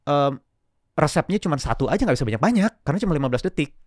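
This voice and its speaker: A man's voice: a little high, big pitch swings, very fast, dry recording, clean studio sound. A man talking casually as a coach in an interview, explaining with examples and slipping in English words. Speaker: public speaking coach and guest.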